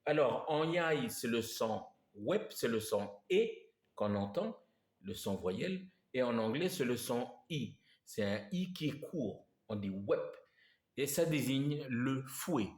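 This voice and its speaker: A man teaching a slow language lesson, patiently repeating each word and checking in with his listeners. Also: mid-range voice, expressive, a little mellow, echoey room.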